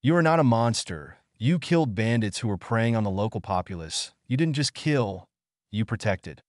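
A calm, kind ninja teacher speaks gently and comfortingly in a storybook reading, as a male narrator puts him on. The voice is low with lively intonation. It is recorded dry and close. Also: normal speed, no echo, natural voice.

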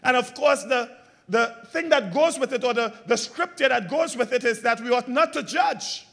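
With lively intonation, a moderate pace, and some vocal fry, this male pastor preaches to his congregation. He uses call-and-response questions and moves between forceful, loud moments and soft, low ones.

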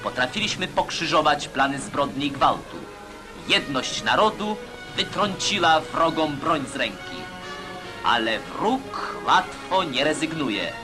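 A man's voice: on the high side, sing-song, unhurried. A man narrating an old newsreel in a declamatory, emphatic propaganda delivery. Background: music.

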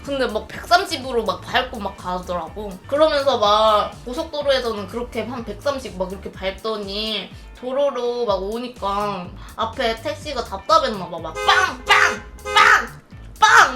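A woman in her twenties chatting casually on a live stream, telling stories in an animated way and acting out other people's voices. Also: on the high side, moderate pace, few pauses, faint music behind. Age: 20s.

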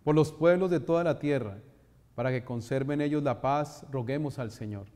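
Solemn priest with cathedral echo. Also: male voice, mid-range voice, dark tone. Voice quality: echoing, cathedral-like reverberant sound. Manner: solemn, measured delivery in short phrases. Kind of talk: liturgical preaching and recited prayer. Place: inside a stone-walled church, at the altar and lectern. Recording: church reverb, long echoing hall.

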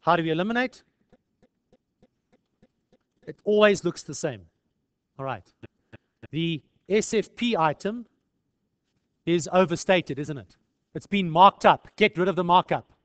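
A South African accounting lecturer with a high, fairly bright voice speaks unhurriedly, leaving long pauses, and there is no room sound. He keeps the tutorial informal and chatty, posing plenty of rhetorical questions.

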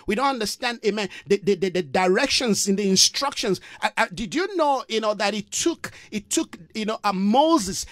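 In an online broadcast, a middle-aged man preaches emphatically and repetitively, peppering his words with "amen" and "you know." His voice sits high and a bit bright, captured in studio quality with no echo by a close boom-arm studio mic in an indoor study lined with bookshelves.

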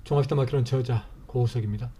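A man's voice: medium pitch, steady tone, quick pace, warm tone, slightly rough, soft background music. A middle-aged man teaching a lecture step by step, patient and repetitive, explaining each part methodically. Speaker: teacher and author.

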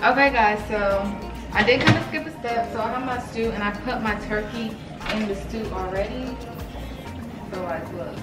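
A woman in her twenties, talking casually and relaxed in a home kitchen while she cooks for her vlog. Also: a little high, normal speed. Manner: chatty, relaxed, filler-heavy explaining while cooking. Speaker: vlogger. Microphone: camera mic from a few feet away. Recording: roomy kitchen echo, distant mic, loud music underneath. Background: loud Afrobeat music.

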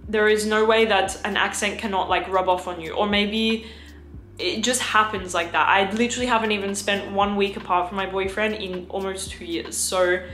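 A woman's voice: fairly even intonation, moderate pace, echoey room, slight background noise. Gushing young Australian woman vlogger. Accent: Australian, with some French influence. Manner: gushing and effusive, slips into a lowered, breathy hush. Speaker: fragrance vlogger. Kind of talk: casual chat.

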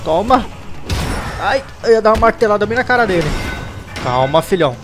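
A man's voice: high-pitched, a little fast. A man with a Brazilian Portuguese accent giving casual gaming commentary, yelping, groaning and joking at the game as he plays. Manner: excitable, yelps and groans at the game. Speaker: gameplay commentator. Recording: game music loud behind the voice.

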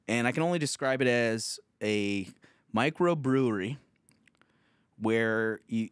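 Profane, animated young man on a podcast. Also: mid-range voice, no room sound, clean studio sound. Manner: profane, animated storytelling with laughs and acted quotes. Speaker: podcast host, comedian. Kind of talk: casual storytelling chat.

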